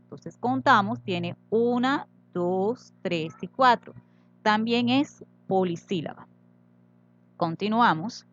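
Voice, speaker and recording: A woman teacher explaining Spanish syllables and accents slowly and patiently in a recorded grammar tutorial. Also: medium pitch, muffled recording.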